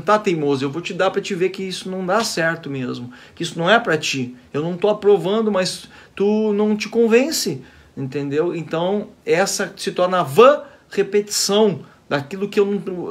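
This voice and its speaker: High-voiced preacher teaching earnestly. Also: male voice. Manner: earnest, addresses listeners as beloved, checks in with rhetorical questions. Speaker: apostle teaching a Bible study. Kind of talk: sermon teaching.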